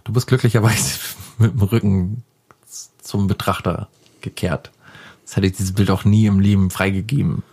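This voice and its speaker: Deadpan man teasing crudely. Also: sits low, normal speed, creaky, slightly rough. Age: 40s. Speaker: podcast host. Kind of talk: casual comedy chat.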